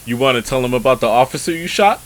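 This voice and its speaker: A man's voice: medium pitch, animated, fast. A man hosting a reaction video, commenting casually and incredulously in slangy talk addressed to the characters.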